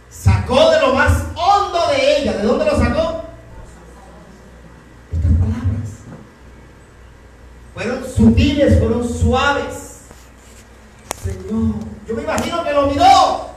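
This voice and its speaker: A man with a high voice preaches an impassioned sermon, pressing his congregation with questions. The sound booms around a very echoey church hall, and he is picked up from well back from the mic. A faint hiss sits underneath. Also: lively intonation, takes it slowly, pauses often, recorded from a distance. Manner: impassioned, keeps asking the congregation if they are listening. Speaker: pastor.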